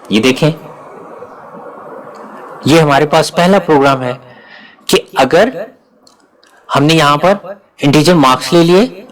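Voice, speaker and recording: Man teaching code, slow and deliberate. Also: on the high side, low-quality recording. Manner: slow, deliberate, often pauses to spell out each operator. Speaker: programming teacher. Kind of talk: recorded lecture explaining code.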